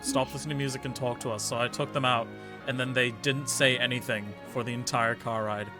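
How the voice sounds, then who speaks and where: A man's voice: medium pitch, steady tone, fairly quick. A young man hosting a game stream with casual, joking, theatrical commentary. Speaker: streamer, host. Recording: game music playing behind.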